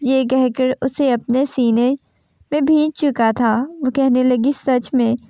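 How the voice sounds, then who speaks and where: A woman reads a romance novel aloud with steady, even storytelling. Her voice sits a little high yet sounds warm and mellow. The recording is dull and dry, with no room sound. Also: dry recording. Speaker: narrator. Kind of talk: scripted novel reading.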